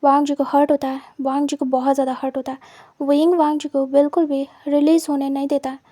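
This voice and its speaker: A woman's voice: high voice, flat delivery, quick pace, warm tone, no echo, studio quality. A woman retelling a story in plain, repetitive narration.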